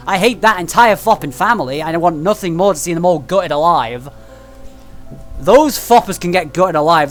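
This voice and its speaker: Casual: gamer dude ranting and cursing over a visual novel, kinda high voice for a guy, game music playing soft behind. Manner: swearing, ranting and joking between read lines. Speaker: gaming channel host. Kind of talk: let's play commentary.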